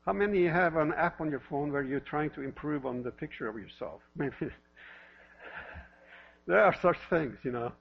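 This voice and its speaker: A gravelly, fairly high voice at normal speed belongs to a pastor in his fifties who originally came from Norway. His church sermon mixes mild self-deprecating humor with questions asked over and over; the lo-fi audio has mains hum.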